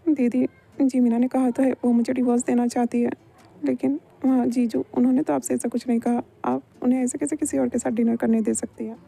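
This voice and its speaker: A jealous young husband frets and pleads in a slightly raised, very mellow voice, voiced by a woman. It is a homemade Hindi fan voice-over dub with soft music underneath. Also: fairly high pitch, level tone, fairly quick, gravelly. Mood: fretful. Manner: pleading, fretful questioning.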